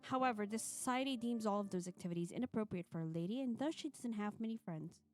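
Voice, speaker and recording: Over background music, a medium-pitched woman talks fast on a live stream. She mixes playful, self-mocking chatter with expressive narration as she reads a visual novel aloud.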